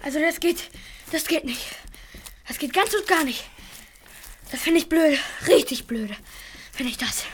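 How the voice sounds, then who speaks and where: A woman's voice: high voice, animated, a little slow, long pauses, fairly bright tone, slight background noise. A woman voicing a stubborn, kind-hearted young boy in a children's radio play who speaks insistently and repeats himself. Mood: indignant.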